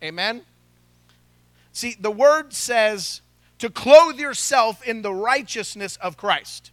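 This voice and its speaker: A middle-aged man preaching a lively sermon to a congregation, joking, acting out quotes and calling for responses. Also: high voice, slow, no echo. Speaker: pastor. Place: church hall.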